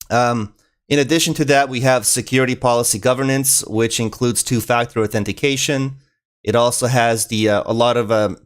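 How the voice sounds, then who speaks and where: Male livestream host presenting a software webinar. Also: medium pitch, smooth. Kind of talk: live webinar presentation with slides.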